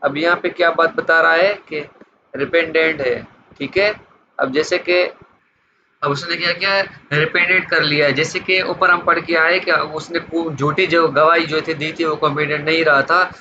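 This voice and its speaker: A law lecturer reads statutes aloud and explains them, working through the material in a repetitive question-and-answer style. His voice is a little high and steady at a moderate pace, captured on a dull lo-fi mic with light background noise.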